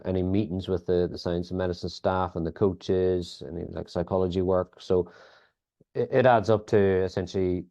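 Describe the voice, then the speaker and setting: A male guest from Northern Ireland who leads sports biomechanics speaks in a deep, mellow voice, measured and thick with "um"s. He gives conversational interview answers thoughtfully, with lots of fillers and restarts. The audio is dull and lo-fi.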